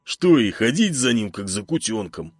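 A stern blacksmith grumbles in blunt, heavy phrases, as a male narrator puts him on. His voice is low and dark, and his speech is dry and close. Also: big pitch swings, breathy edge, dry recording. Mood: gruff. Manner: gloomy, slow, blunt.

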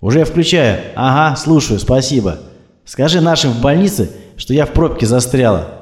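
A man's voice: mid-range voice, animated, normal speed, voice pushed up, close to an everyday voice. A man voicing an irritable young woman doctor who snaps back at rude drivers. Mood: indignant. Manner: indignant, snapping. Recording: roomy echo.

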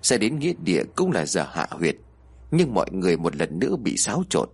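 A man narrating a horror story in an expressive, dramatic storytelling manner. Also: sits low, a little fast, creaky, breathy edge.

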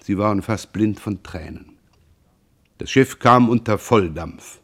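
A man reading a novel aloud for radio in a measured, expressive narrating style. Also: on the low side, husky. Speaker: audiobook reader.

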